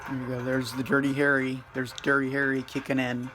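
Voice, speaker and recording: A man giving a casual music review in a subdued, flat way, full of hesitations and fillers. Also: medium pitch, fairly quick. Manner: hesitant, many fillers and restarts.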